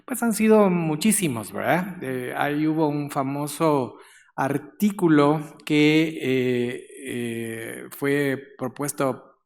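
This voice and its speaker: A man's voice: fairly high pitch, takes it slowly, vocal fry, a little mellow. A man from Guatemala giving a conference lecture in a conversational way, with frequent fillers and a touch of humor. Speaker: guest lecturer, neurologist. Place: lecture hall. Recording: long hall reverb.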